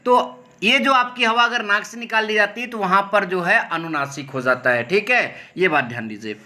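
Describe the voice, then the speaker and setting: A man teaching Hindi grammar, explaining step by step, often checking in with the class and slowing down to sound out individual letters. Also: high voice, pushed and bright. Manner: repetitive, checks in with "ठीक है" often. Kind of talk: explaining a lesson over slides.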